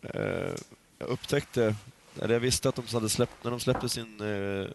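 Low-voiced man chatting with many fillers. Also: steady tone, creaky, a little hiss or hum. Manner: hesitant, many fillers and restarts. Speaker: podcast co-host. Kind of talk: casual chat.

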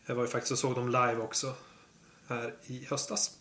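Man, mid pitch, casual podcast chat, fragmented phrasing, echoey room. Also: slight background noise. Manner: relaxed, thinks aloud in short fragments. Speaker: podcast co-host. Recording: roomy echo.

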